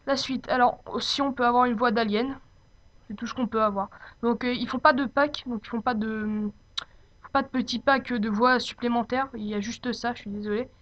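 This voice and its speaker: A woman with a fairly high voice presents a casual software tutorial. She talks off the cuff and often hesitates to find the next word. The sound is dull and lo-fi, like a cheap home microphone. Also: fairly even intonation, normal speed. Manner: hesitant, searching for words. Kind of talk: informal unscripted software tutorial.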